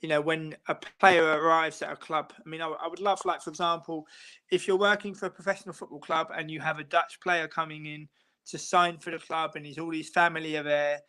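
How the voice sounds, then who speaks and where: Casual live-stream talk from a male English football interviewer who goes on at length, full of fillers and restarts. His pitch is fairly high and his tone level, and he speaks fairly quickly with a bright, forceful, clean sound.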